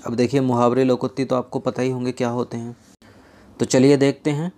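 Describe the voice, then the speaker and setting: A young man teaching an exam-prep grammar lesson, reading example sentences slowly and dropping in joking asides. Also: mid-range voice, darkish tone.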